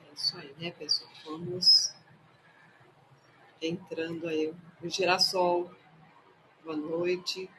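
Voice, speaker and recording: A woman's voice: on the low side, little pitch movement, slow, long pauses, background noise. A woman hosting a casual live stream as a tarot reader, playful and chatty as she greets her viewers one by one.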